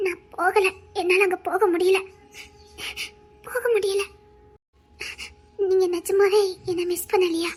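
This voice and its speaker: A woman playing a very high-voiced pleading young woman. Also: level tone, slow pace, long pauses. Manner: pleading, soft, tearful. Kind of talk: amateur romance drama acting.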